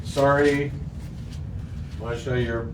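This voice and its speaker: Leading a relaxed Bible lesson, a man uses playful slang and asks the group plenty of questions. His medium-pitched voice barely moves in pitch and he draws out his words, heard through a distant mic in an echoey room with faint noise.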